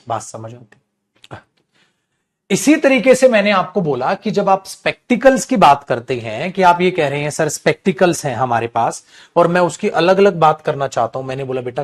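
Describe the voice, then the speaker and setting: A man teaching English grammar in an online class, calling students "beta" and repeating key terms, acting out little scenes with students and their mothers. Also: fairly high pitch. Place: streaming class, checking live comments.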